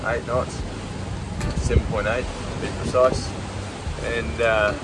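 A man's voice: mid-range voice, flat delivery, slow, very noisy. A man hosting a sailing vlog, talking casually and matter-of-factly from his catamaran. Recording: music playing under the voice.

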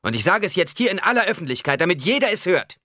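A man's voice: mid-range voice, animated, moderate pace, a bit bright, no echo, pitched above the performer's own voice. A proud, scornful noblewoman with a cutting, commanding tongue, voiced by a man. Her lines sit well above his usual register and rise and fall widely. The sound is close and dry, with no room around it. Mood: accusing.

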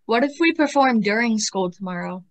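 A woman's voice: on the high side, lively intonation, brisk, no echo. A young woman acting a worried teenage student who keeps asking questions. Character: anxious teenage girl student.

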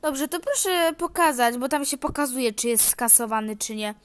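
A woman's voice: high voice, expressive, normal speed, no room sound. A woman voicing a stern, officious male train ticket inspector. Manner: officious, insistent.

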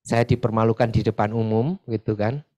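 A man's voice: on the low side, brisk. Chatty man leading a church sharing session. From Pasuruan, East Java. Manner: chatty, often adds filler tags, lively when retelling stories. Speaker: church group facilitator. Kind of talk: casual sharing talk to a church group. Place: church meeting room.

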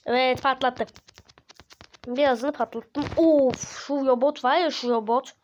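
High-pitched, excitable woman gaming. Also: a little hiss or hum. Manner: cheers on and taunts teammates, slangy and playful. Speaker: gaming channel host. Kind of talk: excited gameplay commentary.

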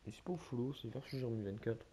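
Slangy young man with a mellow voice. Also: mid-range voice, racing, a little hiss or hum. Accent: French. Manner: slangy, loose and rambling, talks to viewers as mates. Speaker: gaming YouTuber. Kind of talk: casual gameplay commentary.

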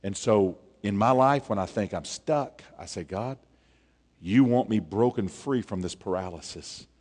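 A man, preaching an animated sermon on a church stage, dropping to a hush for emphasis. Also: fairly low pitch, a little slow, husky. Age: 40s. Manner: animated, gestures widely, drops to a hush for emphasis. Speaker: pastor. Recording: long reverb of a church hall.

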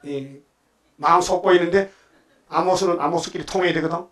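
A man preaching with a fairly high voice. He is emphatic and keeps firing rhetorical questions at his listeners. He slips into quoted voices as he tells the scripture stories. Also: fairly even intonation, a little fast, fairly bright tone. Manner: acts out quoted voices of God and the devil. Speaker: pastor. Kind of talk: sermon.

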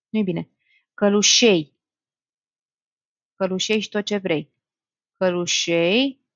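Lively woman teacher, dry dull sound. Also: mid-range voice, dry recording. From Romania. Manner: lively, talks to students directly, thinks aloud. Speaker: Romanian language teacher. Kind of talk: exam-prep lesson.

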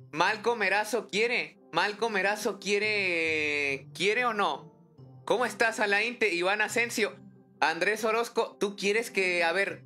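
A man streaming a game live, chatty and excitable, thinking aloud and greeting viewers in the chat by name. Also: sits high. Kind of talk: casual live-stream chat while gaming.

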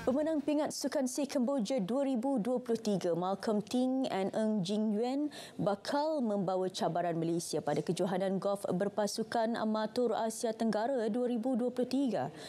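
A young woman presenting sports news in a TV studio, reading a script in a steady, formal newsreader delivery. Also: fairly high pitch, moderate pace, soft background music. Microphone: studio mic, seated at desk.

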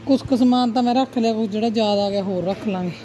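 A woman's voice: quick pace, dark tone. A middle-aged woman, chatting casually to a family vlog in a dramatic, exclaiming, grumbling aunty manner. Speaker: vlogger. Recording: noisy, with vehicle-like background rumble.

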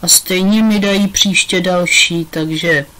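A woman's voice: fairly low pitch, steady tone, a bit bright, natural voice, rough recording. A woman reading aloud, voicing the smallest boy in a class, grumbling and complaining in a storybook.

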